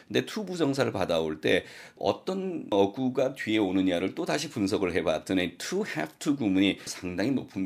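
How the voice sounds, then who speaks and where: A man with a Korean accent teaching English expressions in a lecture, explaining them and slowly drilling the example sentences. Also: low-pitched. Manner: explanatory, asks rhetorical questions.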